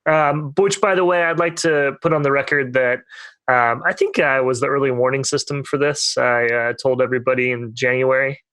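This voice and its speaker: A man's voice: medium pitch, steady tone, normal speed, a bit bright, no room sound. A young man, co-hosting a casual podcast and telling a long rambling story full of fillers. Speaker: podcast co-host. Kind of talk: casual storytelling among friends.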